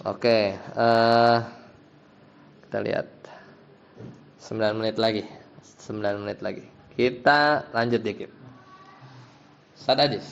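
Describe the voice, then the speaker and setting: A man's voice: fairly low pitch, fairly even intonation, slow pace, gravelly, pauses often. A man, an Islamic teacher, explaining Arabic grammar to a class, patiently checking that his students follow. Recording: dull lo-fi sound.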